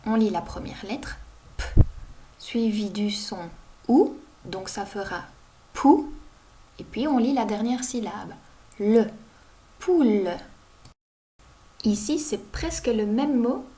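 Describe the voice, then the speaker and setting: A woman teaching young children to read, sounding out each word slowly and clearly. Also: on the high side, expressive, dark tone. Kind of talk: reading lesson for young children.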